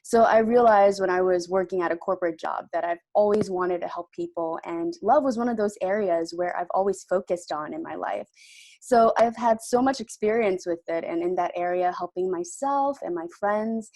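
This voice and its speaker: A woman love and mindset coach, upbeat and quick to laugh while explaining her work. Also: lowish voice, darkish tone, no echo.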